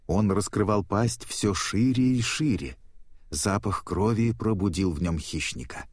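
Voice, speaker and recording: A man narrating a children's storybook in an expressive reading voice. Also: lowish voice, a little slow, husky, dry recording, clean studio sound.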